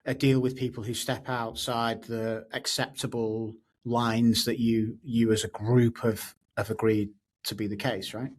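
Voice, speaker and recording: A mid-pitched man, hosting a podcast interview. He talks conversationally and agreeably, with a few ums as he goes. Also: level tone, unhurried. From northwest of England. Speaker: podcast host.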